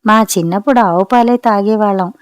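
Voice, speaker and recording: A woman's voice: mid-range voice, a little fast, smooth, no room sound, clean studio sound, close to an everyday voice. A woman reader voicing a playful, stubborn young wife who coaxes and wheedles, in a storybook reading. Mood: boastful. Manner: coaxing, wheedling.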